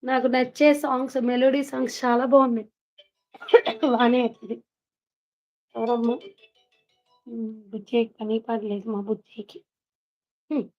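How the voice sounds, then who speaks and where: Woman host on a live stream, greets viewers one by one, high and even, lo-fi phone audio. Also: moderate pace, pauses often, faint music behind. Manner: chatty, greets viewers one by one, laughs often. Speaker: vlogger hosting a live stream. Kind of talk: casual live-stream chat, reading viewer comments.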